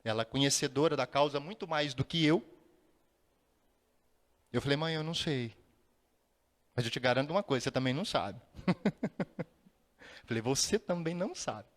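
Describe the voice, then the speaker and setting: A man giving a spiritist lecture, telling a personal story with dramatic pauses and sudden rises in his voice. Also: medium pitch. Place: large lecture hall. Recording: long reverb of a lecture hall.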